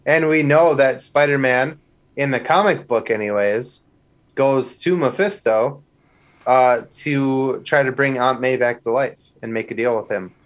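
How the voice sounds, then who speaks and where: A man's voice: medium pitch, unhurried. A man co-hosting a casual podcast about superhero films, laid-back and teasing. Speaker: podcast co-host.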